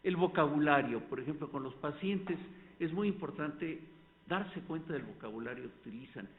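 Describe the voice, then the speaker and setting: A man with a Mexican accent giving an academic lecture at a medical colloquium, explaining points with an animated, demonstrative delivery. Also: a little high, moderate pace, slight background noise. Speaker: panel speaker at a medical colloquium. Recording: tinny phone-like lecture recording.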